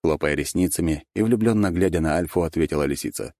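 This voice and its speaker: A man narrating a story in the first person, wry and expressive. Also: very deep voice, fast talker, dry recording, studio quality. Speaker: audiobook narrator.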